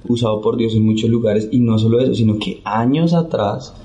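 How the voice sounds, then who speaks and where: A man's voice: lowish voice, brisk. A man from Santander, Colombia, earnestly telling his story of faith in casual conversation. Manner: earnest, animated retelling with acted-out quotes. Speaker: guest sharing testimony.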